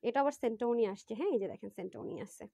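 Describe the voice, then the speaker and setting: A woman selling clothes on a live phone stream, chatty and excited, talking straight to viewers. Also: on the high side, very fast, creaky, no echo. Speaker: online clothing seller.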